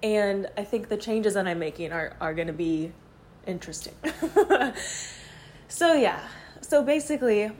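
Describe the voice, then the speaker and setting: A podcast host records a phone voice memo while walking around her apartment, journaling out loud in a candid, rambling way with lots of fillers. Her mid-range voice is animated and unhurried, with long pauses and a little hiss or hum.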